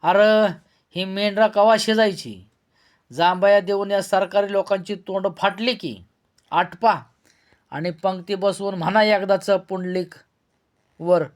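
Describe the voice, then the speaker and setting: A blunt rustic village headman from a storybook, talking in a slow country drawl, as a male narrator puts him on. The voice is fairly high and carries a rough, no-nonsense weight. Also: a little mellow.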